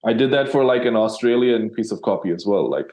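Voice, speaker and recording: Guest: man, low mellow voice, loose rambling talk full of fillers. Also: animated, a little fast. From Sri Lanka. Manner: rambling, many fillers and restarts. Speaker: copywriter guest. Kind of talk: casual interview talk.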